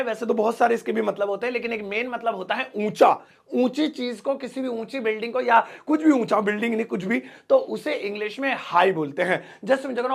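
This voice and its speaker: A man teaching English words in a chatty, joking way, slowing right down for example sentences, with an Indian English accent. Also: sits high, gravelly, fairly bright tone. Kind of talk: casual spoken lesson.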